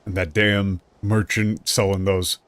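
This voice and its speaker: A man's voice: low-pitched, level tone, unhurried, fairly bright tone, smooth, no echo. A man streaming a video game, chatting casually and loosely paraphrasing the characters' lines as he plays. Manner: chatty, thinking aloud, loosely paraphrasing dialogue. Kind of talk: casual let's-play commentary.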